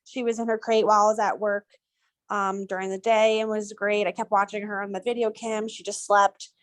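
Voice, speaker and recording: A woman's voice: medium pitch, level tone, a little fast. A young woman fostering a rescue dog, chatting casually and gushing, with many ums and likes, over a video call. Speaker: foster volunteer.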